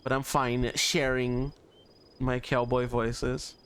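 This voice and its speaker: A man's voice: mid-range voice, flat delivery, slow pace, a bit bright, clear, resonant tone. Stammering upbeat streamer guy. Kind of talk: casual chat.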